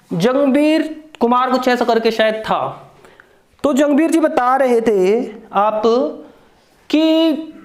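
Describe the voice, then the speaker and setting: A woman's voice: a little high, darkish tone, echoey room. A woman teaching an online lesson, who asks questions and answers them herself and repeats key points. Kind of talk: online lecture.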